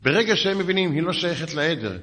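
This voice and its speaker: A man giving a rabbi's lecture as a lively story, with dry sarcasm and acted-out dialogue. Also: a little high. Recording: long hall reverb.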